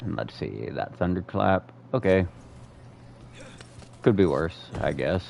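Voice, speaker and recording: Casting: male game streamer, low creaky voice, casual sweary commentary. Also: expressive, slow, darkish tone, a little hiss or hum. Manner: sweary, muttering to himself.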